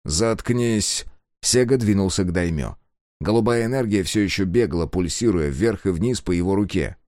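A man narrating an audiobook in an expressive reading voice. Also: sits low, a little fast, dry recording, studio quality. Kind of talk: scripted narration.

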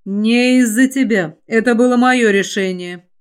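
A woman voicing a wounded, stubborn young man in an audiobook, speaking in quiet, firm, clipped replies. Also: a little high, a little slow, clean tone, lightly acted. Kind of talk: audiobook character voice.

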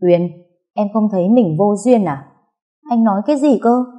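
A woman's voice: medium pitch, moderate pace, mellow, pitched above the performer's own voice, natural voice. A woman voicing a sensible man who teases and chides his partner in a storybook reading. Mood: chiding. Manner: chiding, teasing.

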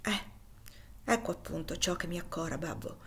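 A woman voicing a frail, gentle, fevered young girl in an audiobook reading, soft and earnest. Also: lowish voice, normal speed, breathy edge.

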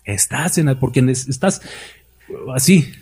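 A man's voice: mid-range voice, animated, takes it slowly, a little mellow, husky. A middle-aged man with a Mexican Spanish accent, preaching a sermon emphatically, with rhetorical questions and acted-out quotes. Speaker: pastor.

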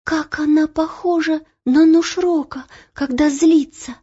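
A woman's voice: high voice, steady tone, a little slow, warm tone, pitched above the performer's own voice. A woman voicing a brave little girl who talks in a breathless, defiant voice. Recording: dull lo-fi audiobook recording.

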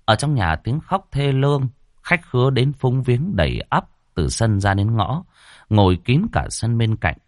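A man narrating a ghost story, dramatic and slowing down for suspense. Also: mid-range voice, lively intonation, no room sound, studio quality.

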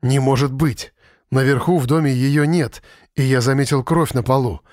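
A man's voice: medium pitch, steady tone, moderate pace, darkish tone, dry recording, studio quality, close to an everyday voice. A man voicing an agitated, caring father in his own voice. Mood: alarmed. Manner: agitated, impatient.

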